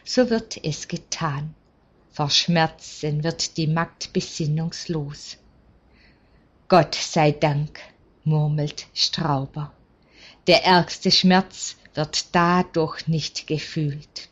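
A woman reads a story aloud at a very slow pace, calm and measured. Her voice sits low, and the recording sounds dull and lo-fi. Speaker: story reader.

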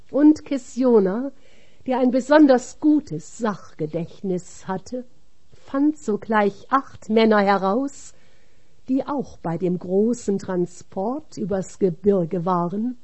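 Woman reader, solemn scripted reading, very slow, dark mellow tone. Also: mid-range voice.

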